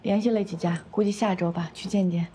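An actress playing a weary, practical young wife who answers tersely. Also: female voice, mid-range voice, fairly even intonation, fast, warm tone, slight background noise, natural voice. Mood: dry. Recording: music bed under the dialogue.

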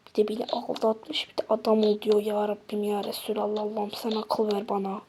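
A woman's voice: medium pitch, monotone, a little fast, mellow, slight background noise, voice pushed down, close to an everyday voice. A woman voicing a fed-up sassy schoolgirl. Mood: annoyed. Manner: exasperated, grumbling, sighing.

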